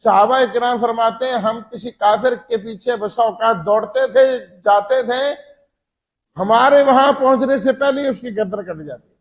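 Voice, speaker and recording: A man teaching Quran commentary in a sermon style, reciting verses and then explaining them point by point in an earnest manner. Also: extremely high pitch.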